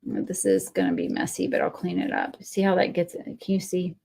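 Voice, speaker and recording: Her voice sits on the low side, creaky and a little mellow, with a sing-song lilt at normal speed. She's a Texan woman hosting a crafting livestream, chatting and rambling amiably and answering viewers while she works.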